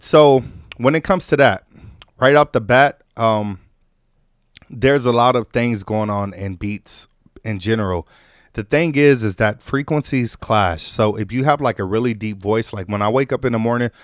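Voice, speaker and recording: A man hosting a music production tutorial in a loose, conversational way, full of fillers and restarts, his voice still a little hoarse from an illness. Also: lowish voice, moderate pace, no echo, clean studio sound. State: recovering from illness, slightly hoarse. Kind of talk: casual on-screen tutorial.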